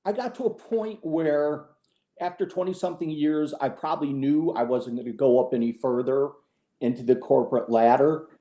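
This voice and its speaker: A man's voice: fairly high pitch, normal speed, dark tone. Frank middle-aged man in an echoey room. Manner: frank and sarcastic, with many restarts. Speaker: podcast guest. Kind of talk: candid conversational interview.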